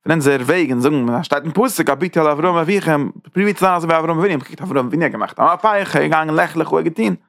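A man teaching a religious lesson in a somewhat high, gravelly voice. He speaks haltingly, circling back and restarting phrases, then lifts his voice to press a point home. The sound is close and dry, with no room around it. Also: fairly bright tone, no echo. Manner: halting, restarts phrases while searching for words. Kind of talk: informal spoken Torah lesson.

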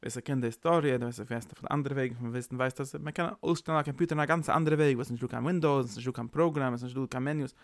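A man's voice: mid-range voice, rapid-fire, hardly any pauses, no echo, clean studio sound. A man giving an informal, rambling sermon, mixing in English words. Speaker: preacher. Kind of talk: informal Yiddish-tinged sermon.

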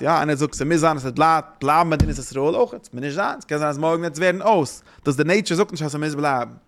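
A man talks through religious ideas in a loose, informal way. His voice sits a little high, and he halts and circles back over the same phrases again and again. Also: fairly bright tone. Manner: rambling, halting, repeats phrases.

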